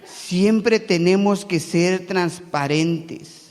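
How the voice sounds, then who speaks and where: A man from Mexico City with a Mexico City Spanish accent, preaching a sermon and moving between loud preaching and quiet conversational asides. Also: sits high, extremely slow, in a large hall. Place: church hall.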